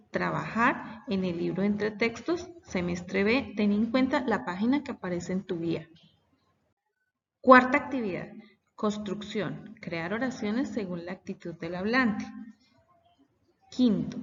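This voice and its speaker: A woman's voice: mid-range voice, gravelly, recorded from a distance, a little hiss or hum. A woman teacher, patiently explaining a lesson for children. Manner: patient, explanatory, reading example sentences aloud. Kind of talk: recorded classroom lesson for children. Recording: dull audio with long reverb.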